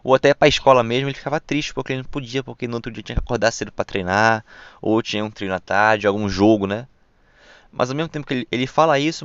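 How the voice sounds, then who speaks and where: A young man with a Brazilian accent hosts a casual solo podcast, rambling and reflecting with plenty of slang and fillers. His medium-pitched voice is gravelly, fairly bright and smooth, and his hissing s sounds come out as sh. The recording is dull, lo-fi and dry.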